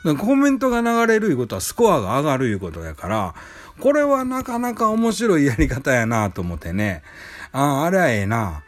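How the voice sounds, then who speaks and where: Rambling Kansai man, lively pitch. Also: a little fast. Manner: rambling, many fillers and restarts. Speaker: podcast host. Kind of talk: casual solo talk. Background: faint background music.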